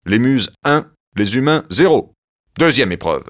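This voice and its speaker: A man's voice: medium pitch, sing-song, measured pace, pitched above the performer's own voice. A man voicing a boastful, cheating king of the gods in a children's audiobook, gloating and ironic.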